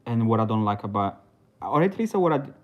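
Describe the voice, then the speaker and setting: A man's voice: lowish voice, very animated, brisk, lo-fi sound. A man from Italy, talking casually on a livestream in a hesitant, rambling way full of fillers and restarts. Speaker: livestream host.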